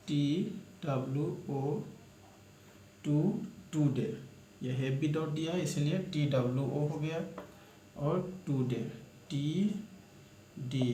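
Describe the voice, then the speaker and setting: Here a man with a fairly high, mellow voice walks through shorthand step by step, spelling letters out one at a time. He treats viewers as friends, and the recording has an echoey room with faint noise in the background.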